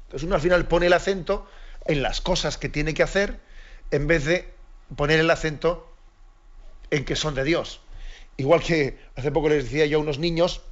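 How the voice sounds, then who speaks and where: A priest preaching an earnest sermon to fellow priests, repeating his key phrases and asking rhetorical questions. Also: fairly high pitch. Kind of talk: reflective sermon to clergy. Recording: dull lo-fi sound.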